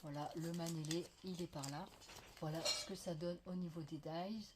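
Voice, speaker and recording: A woman's voice: low voice, fairly even intonation, normal speed, very noisy. Chatty French woman with a veiled voice. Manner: chatty, gushing, many fillers. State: slight cough, veiled voice. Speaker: crafting haul vlogger. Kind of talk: casual show-and-tell haul. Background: faint clatter of dishes.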